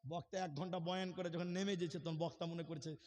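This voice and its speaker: A man from Assam preaching at a religious gathering, joking with the crowd and then swelling into loud, drawn-out chanting. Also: on the high side, steady tone. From Assam, India. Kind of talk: sermon with jokes and chanted verses. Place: outdoor gathering stage.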